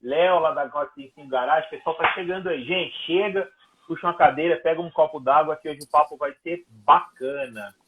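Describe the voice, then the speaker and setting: A man's voice: on the high side, fairly quick, narrow, tinny audio. A man hosting a live online talk show, chatting casually and greeting viewers one by one by name. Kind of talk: casual live-stream chat. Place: home, Ribeirão. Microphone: wireless mic. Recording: roomy and distant with faint background noise.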